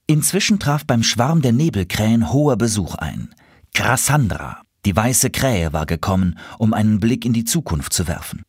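A man reading a children's story aloud, calm and expressive. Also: lowish voice, normal speed, husky, dry recording, clean studio sound.

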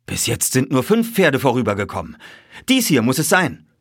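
A man voicing a calm, unshakably composed male detective in a raised voice. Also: medium pitch, normal speed, breathy edge, no room sound, studio quality, voice pushed up, full character voice.

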